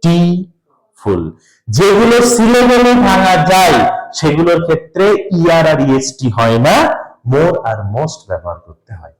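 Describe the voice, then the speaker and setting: A man teaching a grammar class, his voice sitting a little high. He quizzes his students and has them spell words back, his delivery rising and falling with lots of movement. The room around him is roomy and echoey. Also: animated, moderate pace. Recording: roomy echo.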